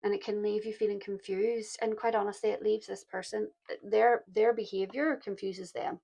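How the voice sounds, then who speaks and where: A woman with a croaky voice giving a pick-a-card tarot reading, speaking softly and reflectively and calling her listeners "my loves". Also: medium pitch, flat delivery, moderate pace. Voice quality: gravelly. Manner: soft-spoken, reflective, addresses listeners as "my loves". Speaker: tarot reader.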